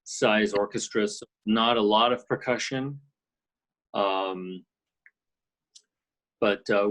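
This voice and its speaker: A man from Canada speaks in a fairly low, steady voice. He is middle-aged and a guest on a video-call interview. His talk is thoughtful and loose, full of fillers and restarts. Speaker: guest, orchestral percussionist. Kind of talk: casual interview chat. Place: ski and golf resort, indoors.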